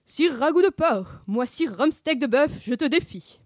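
A woman voicing a goofy, cowardly young man in a storybook reading, loud and excitable. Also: measured pace, no echo, studio quality. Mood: playful, bold. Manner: loud, excitable, shrill when scared. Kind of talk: storybook read-aloud.

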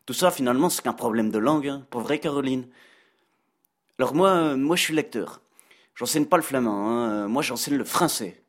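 A man's voice: mid-range voice, animated, normal speed, lightly acted. A man playing a sarcastic, gossipy male French teacher with a Belgian accent, in a comic radio editorial full of "hein". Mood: teasing. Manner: teasing, sarcastic, peppered with "hein". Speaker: comic columnist.

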